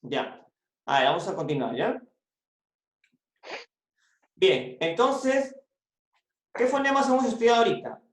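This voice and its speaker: Slow, patient teacher in a roomy room. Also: medium pitch, very animated. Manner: patient, repeats and prompts students. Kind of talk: online class lesson.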